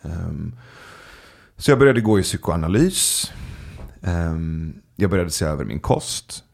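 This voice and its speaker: A man chatting as a podcast guest, telling stories in a relaxed way with many filler sounds. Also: sits low, vocal fry. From Sweden. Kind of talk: casual storytelling chat.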